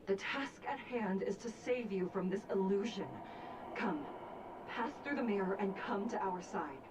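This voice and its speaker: A woman's voice: medium pitch, expressive, measured pace, background noise, close to an everyday voice. A woman playing a stern, formal judge in a video game, speaking with a commanding manner. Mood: solemn, urgent.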